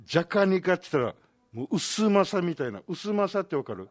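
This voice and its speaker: An older man, chatting in a relaxed, folksy way and mixing in local dialect. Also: high-pitched, fast talker, dry recording, studio quality. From Okinawa. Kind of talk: casual chat.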